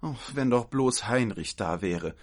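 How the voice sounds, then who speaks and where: A man's voice: fairly high pitch, expressive, unhurried, voice pushed up. A man voicing a bossy, indignant aunt who scolds and fusses in a storybook reading. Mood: shrill alarm. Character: shrill bossy scolding middle-aged aunt, female.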